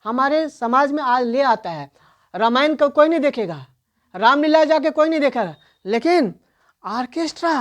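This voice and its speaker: A woman teaching an online English grammar lesson, asking questions and answering them herself, and reading out English examples slowly. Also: sits high. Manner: explains in Hindi, reads English examples slowly.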